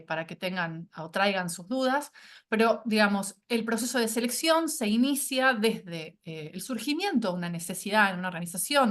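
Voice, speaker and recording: A woman's voice: medium pitch, fairly bright tone. A woman instructor presenting a course. She is a bit sick with a cold and keeps checking in with her listeners through tag questions and hesitant fillers. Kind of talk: online presentation.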